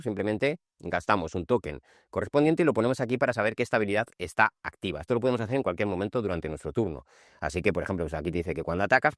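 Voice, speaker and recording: This board game channel host is a low-voiced man whose accent is from Spain. He talks through the steps of a game informally, slipping in brief checks that viewers understand, and the recording is dry with almost no room echo.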